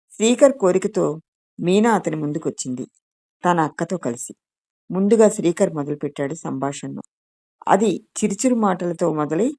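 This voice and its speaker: Brief: woman narrator, low voice, dry close sound, calm even storybook reading. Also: dry recording. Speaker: story reader. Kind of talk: scripted audiobook narration.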